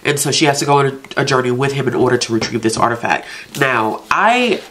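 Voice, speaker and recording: A woman with a rumbling low, expressive voice talks fast, sounding a bit bright, with a little hiss or hum in the audio. Congested and stuffed-up from allergies, she hosts a casual book vlog on her channel, chatting about books she means to read, chiding herself and talking herself into reading them.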